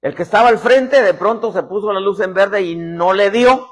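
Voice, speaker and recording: A man's voice: high voice, moderate pace. A man preaching a sermon. He acts out voices and keeps calling the listeners "hermano". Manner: animated preacher acting out voices, constantly saying "hermano". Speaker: apostle preaching.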